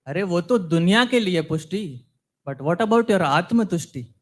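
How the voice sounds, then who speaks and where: A man's voice: high voice, expressive, unhurried. A man playing a talkative young content writer on a date in a scripted comedy sketch, preachy and fawning.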